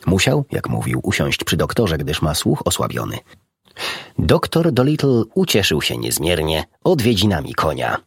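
A man narrating a children's storybook in an expressive, animated reading. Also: very deep voice, normal speed, breathy edge, no room sound, studio quality. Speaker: audiobook narrator.

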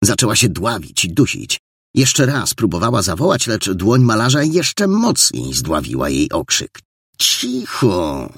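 A man's voice: lowish voice, big pitch swings, normal speed, slightly rough, no echo, studio quality. A man narrating an audiobook with dramatic storytelling. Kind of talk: scripted narration.

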